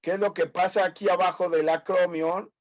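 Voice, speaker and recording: A man's voice: high-pitched, level tone, normal speed, muffled recording. A man in his fifties with a Mexican accent, teaching a medical class online, teasing and quizzing his students. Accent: Mexican Spanish. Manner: teasing, corrects students, asks many quiz questions.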